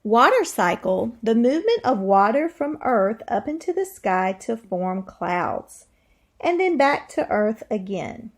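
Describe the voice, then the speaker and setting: Her voice runs somewhat high as she reads to young kids with deliberate expression. The teacher pauses to think aloud and puts questions to her young audience.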